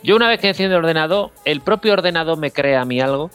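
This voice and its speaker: A man's voice: fairly high pitch, lively intonation, a bit bright, smooth, faint music behind. A man playing a dim-witted, bumbling character in a radio comedy sketch, gabbling in confusion. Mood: clueless. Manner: fast, confused, gabbling comic banter.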